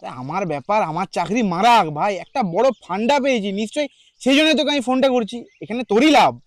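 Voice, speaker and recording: A man's voice: high voice, animated, fast talker, no room sound, clean studio sound. An actor playing a young man cheated out of money he paid for a job, who speaks with a Bengali accent, urging on the phone and then confronting his friend bitterly. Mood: urgent. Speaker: actor in a short film. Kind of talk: naturalistic short film acting.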